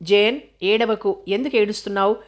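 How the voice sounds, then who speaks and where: A woman's voice: medium pitch, moderate pace, close to an everyday voice. Woman voicing a soothing, caring nursemaid.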